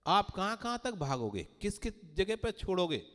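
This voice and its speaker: A man's voice: high voice, sing-song, moderate pace, a bit bright. A man giving a Hindi-language sermon as a Jain monk, telling parables and acting out the voices of the people in them. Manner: storytelling, acting out quoted voices. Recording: long hall reverb.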